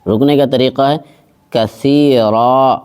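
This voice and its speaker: A man teaching Quran recitation step by step. He patiently explains each letter and mark, then recites the verse slowly and drawn out. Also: mid-range voice, warm tone.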